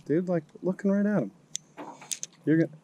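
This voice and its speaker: A man's voice: high-pitched, normal speed, dark tone, highs cut off, a little hiss or hum. A young man chatting casually and joking while fishing from a small boat on a lake, recorded on an action camera. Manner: laid-back, joking, swears freely. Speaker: fishing vlogger.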